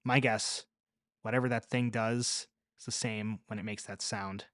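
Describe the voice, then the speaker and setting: A man voicing a calm, resourceful young woman survivor, speaking low and matter-of-fact. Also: measured pace, no room sound, studio quality. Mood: guarded.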